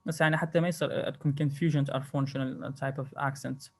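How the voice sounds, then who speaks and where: A man with an Iraqi Arabic accent, teaching an online English lecture and switching between Arabic and English, with slow, careful English. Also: mid-range voice, steady tone. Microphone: video call.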